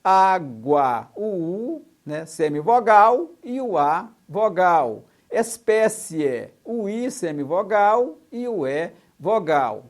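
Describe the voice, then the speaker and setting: A man's voice: sits high, big pitch swings, slow, hardly any pauses. A man teaching a recorded exam-prep lesson, listing examples one by one and spelling out letters methodically. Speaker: Portuguese teacher.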